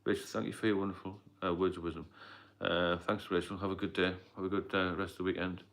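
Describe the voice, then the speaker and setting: Middle-aged British livestream host, deep low voice, loose rambling delivery with fillers. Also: male voice, flat delivery, fast, vocal fry, fairly bright tone. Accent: British English. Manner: rambling, repetitive, frequent fillers and coughs. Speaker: livestream host, sobriety mentor. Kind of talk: casual live stream talk.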